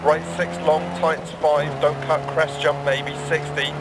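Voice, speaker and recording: Over a roaring car engine, a focused male rally co-driver in a racing game. He fires off rapid, clipped pace notes in a fairly high, gravelly voice with an even pitch. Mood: brisk, focused. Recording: loud car engine noise.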